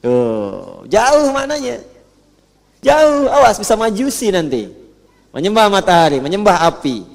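A man teaching Quran recitation to a live audience, drawing out the Arabic words slowly, then explaining in brisk everyday talk and getting the audience to repeat after him. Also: sits high, sing-song, vocal fry. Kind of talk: religious lesson. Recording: reverberant hall.

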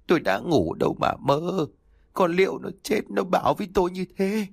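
A man's voice: high voice, lively intonation, normal speed, creaky, no echo, clean studio sound, voice pushed up, full character voice. Man doing a wailing, grieving old village mother. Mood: insistent. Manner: wailing, pleading.

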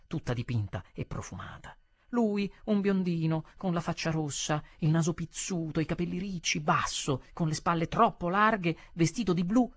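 A man reading a literary short story aloud, with expressive phrasing and dramatic pauses. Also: a little high, slightly rough, no room sound. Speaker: audiobook reader.

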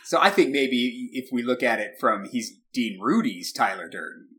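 A man's voice: mid-range voice, expressive, normal speed, a bit bright. A man co-hosting a casual film-review podcast, chatty and laughing often as he talks. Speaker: podcast co-host. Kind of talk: casual chat.

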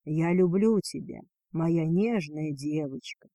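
A woman narrator voices a strong male dragon husband, giving him a low, husky, tender murmur that's warm in tone. He speaks slowly and breathily, captured in a dry, close recording with no echo.

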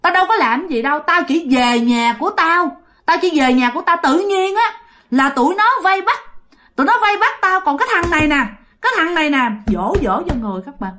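A woman's voice: high voice, animated, a little fast, sharp tone, pitched above the performer's own voice. A woman with a Southern Vietnamese accent voicing a vengeful snake spirit that has possessed a young man, insisting shrilly that it did nothing wrong. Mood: aggrieved.

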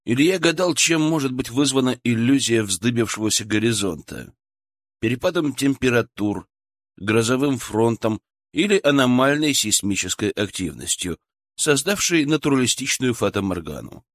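A man narrating an audiobook in a measured, dramatic storytelling manner. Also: medium pitch, expressive, no echo, studio quality. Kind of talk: scripted narration.

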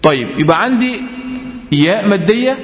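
A man with an Egyptian accent teaching Quran recitation rules, explaining patiently with lots of repetition and slowly drawn-out example readings. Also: sits high, lively intonation. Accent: Egyptian Arabic. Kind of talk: tajweed lesson. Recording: echoey room with long reverb.

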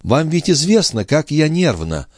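A nervous, fragile young woman, read by a male narrator who talks in breathless, high exclamations. Her pitch swoops widely as she protests. The audiobook sound is dry and close. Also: big pitch swings, measured pace, darkish tone, no room sound. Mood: agitated, fluttery.

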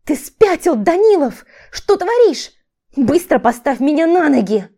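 A woman voicing a furious young ex-wife in an audiobook, snapping back with indignant, sharp retorts. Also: sits high, sing-song, unhurried, voice pushed up, heavily acted. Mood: shouting.

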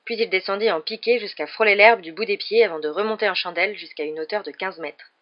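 A woman narrating an audiobook with an expressive reading. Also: mid-range voice, quick pace. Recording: dull lo-fi recording.

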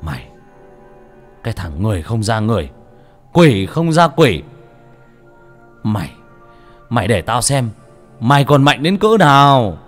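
Cast: a man playing a grim, stubborn sorcerer hero for an audiobook, low voice, lively delivery. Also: fairly quick, creaky, pauses often, husky, faint music behind, full character voice. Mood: defiant. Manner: gritted, intense. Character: grim middle-aged male sorcerer, stubborn, tormented.

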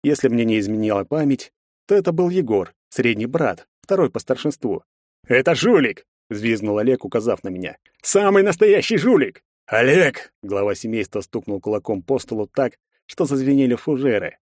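A man with a mid-range voice narrates a first-person audiobook, telling the story in a measured, even manner. The recording is clean studio sound with no room ambience.

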